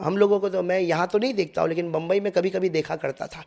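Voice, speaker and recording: High, gravelly preaching man. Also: steady tone. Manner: impassioned, swings from loud to hushed; addresses listeners as friends and brothers. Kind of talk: sermon.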